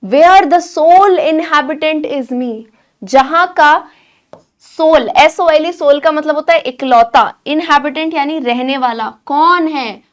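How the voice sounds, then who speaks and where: Young woman teacher, high bright voice, patient, explains a poem step by step. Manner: explains patiently, keeps checking in with students. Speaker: English teacher. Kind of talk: Hinglish poetry lesson.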